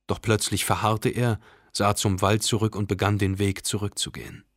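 A man with a low voice narrates an audiobook in a measured way that builds suspense. The recording is close and completely dry, with no room sound. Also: flat delivery, no echo. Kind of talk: scripted narration.

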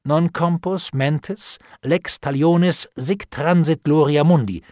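A man voicing a calm, ironic nobleman in an audiobook, speaking in a low, measured voice with cool menace. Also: dry recording. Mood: icily calm. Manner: calm, dry, ironic, unhurried. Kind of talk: audiobook character reading.

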